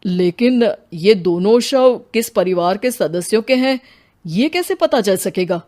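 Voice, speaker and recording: A woman voicing a commanding senior male police officer in a cartoon, with firm, measured questions. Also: mid-range voice, lively intonation, warm tone, lightly acted.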